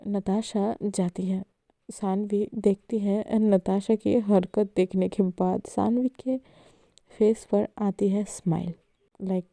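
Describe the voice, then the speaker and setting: A woman's voice: mid-range voice, warm tone, no echo. A woman casually narrating a love story to her listeners in a chatty way, mixing in English words.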